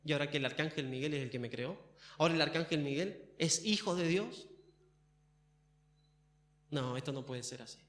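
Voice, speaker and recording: A man's voice: very high-pitched, steady tone, moderate pace, sharp tone, voice pushed up, heavily acted. A man voicing a proud, envious male fallen angel who boasts about himself, in a roomy church. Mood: indignant. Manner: boastful, self-pitying.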